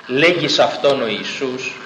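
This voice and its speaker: A man's voice: medium pitch, animated, fairly bright tone, roomy sound, slight background noise, low-quality recording. A man preaching a sermon, reading scripture aloud and putting rhetorical questions directly to his congregation.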